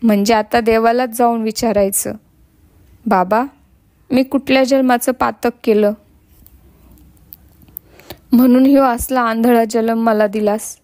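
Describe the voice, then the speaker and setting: A woman's voice: fairly high pitch, fairly even intonation, measured pace, long pauses, darkish tone. A woman voicing a blind, ailing village woman who speaks in a sad, pleading rustic way. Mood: sorrowful.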